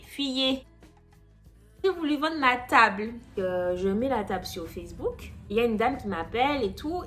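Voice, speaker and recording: A young woman vlogger telling a story in an animated, sassy way, acting out the people in it. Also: on the high side. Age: young adult. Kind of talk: story time vlog.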